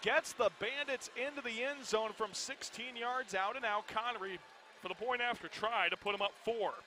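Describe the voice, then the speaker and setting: A man's voice: very high-pitched, moderate pace, bright, forceful tone, a little hiss or hum. A man giving live football play-by-play as a radio sports commentator. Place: broadcast position in an indoor arena.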